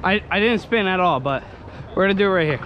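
Young male vlogger, casual and excitable, action-camera mic at an outdoor skatepark with heavy background noise. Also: high voice, fast talker, highs cut off. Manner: excitable, swears, laughs at himself. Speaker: scooter rider filming himself. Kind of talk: casual self-filmed vlog commentary. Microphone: action camera on handlebars. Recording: noisy outdoor camera audio.

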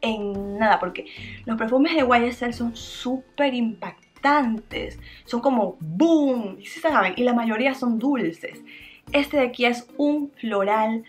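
A woman's voice: on the high side, slow pace, soft background music. A young adult woman talking casually and with bubbly energy as she reviews a perfume for her vlog, often leaning on words like "súper". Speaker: beauty vlogger.

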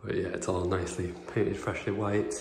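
This young renovation vlogger, in his twenties, has a low, darkish voice with vocal fry and little pitch movement, speaking at normal speed. He rambles chattily with lots of fillers while touring an empty house mid-renovation, recording on a phone camera that's handheld at first and later propped up. The indoor audio echoes off bare rooms and carries a little hiss or hum.

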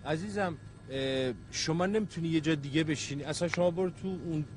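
A man's voice: on the high side, slight background noise, natural voice. An actor playing a middle-aged man who poses as an airline captain, polite but bossy, repeating courtesies.

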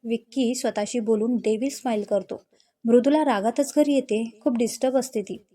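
A woman storyteller reading a scripted love story in a gentle, descriptive way. Her voice sits fairly high yet sounds soft and mellow. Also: fairly even intonation, moderate pace.

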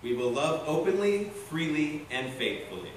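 A man's voice: on the high side, sing-song, normal speed. Echoey, distant young man officiating a wedding. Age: young adult. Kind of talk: reading ceremony vows aloud from a tablet. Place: inside a church at a wedding. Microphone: distant camera. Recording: echoey church, distant mic, loud ambient noise.

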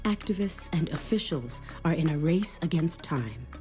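A woman's voice: sits low, lively intonation, normal speed, a little mellow, soft background music. A woman reading scripted narration for a nature documentary.

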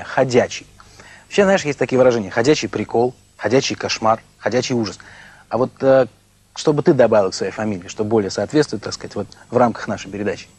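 Husky-voiced man hosting playfully. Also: mid-range voice, a little mellow. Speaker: TV show host. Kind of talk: playful TV presenting and interviewing. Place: small TV studio.

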